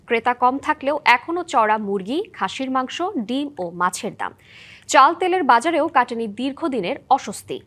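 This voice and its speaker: A female news anchor reading a scripted introduction in a crisp, formal way. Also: high-pitched, a bit bright.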